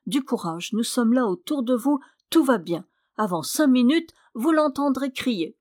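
A woman's voice: fairly high pitch, animated, unhurried, a little mellow, dry recording, studio quality. A woman reading aloud the lines of a brusque, bantering male doctor in a storybook reading. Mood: coaxing. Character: gruff brusque male doctor, teasing old friend.

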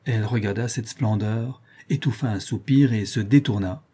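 Male narrator, measured reading, dark and husky tone. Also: lowish voice. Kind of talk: audiobook reading of a classic novel.

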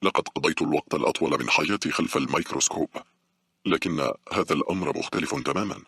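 A man's voice: a bass voice, quick pace, bright, forceful tone, husky, no room sound, clean studio sound, full character voice. A man reading as a smug grey-haired worm scientist. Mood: lecturing. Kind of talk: audiobook character reading.

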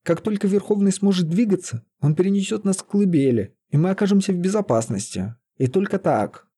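An earnest young sorcerer-warrior pleads and urges in a raised voice, as a man narrating a fantasy story plays him. The tone is mellow and a little husky. The pitch is lifted above the reader's own. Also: lively intonation, brisk. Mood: urgent. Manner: urgent, pleading.

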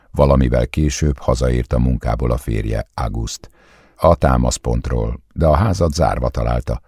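Very deep, husky male narrator. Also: warm tone, no echo, clean studio sound. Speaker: audiobook narrator. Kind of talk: scripted narration.

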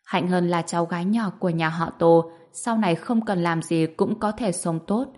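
A woman narrating a scripted story in steady, even storytelling. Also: fairly low pitch, moderate pace.

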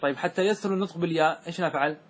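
A man teaching Arabic grammar as a sheikh, walking his class through word forms step by step and asking often whether it is clear. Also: fairly high pitch. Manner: keeps checking that students follow, asking if it is clear; slows and repeats words to stress their forms.

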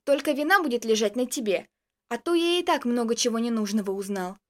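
A woman's voice: fairly high pitch, animated, fairly quick, lightly acted. A woman doing a hotheaded jealous young man. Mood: reluctant. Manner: heated, insistent outbursts.

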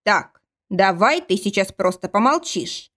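A calm, tender ancient man in an audiobook romance, voiced by a woman narrator in her own register. He speaks slowly and softly with a teasing edge. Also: mid-range voice, gravelly.

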